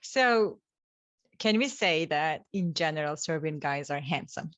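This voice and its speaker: Woman with a low voice asking questions on a podcast, dry close mic. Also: lively intonation, dry recording. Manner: asks questions, quick agreeing backchannels and laughs. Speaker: podcast co-host. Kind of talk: casual chat.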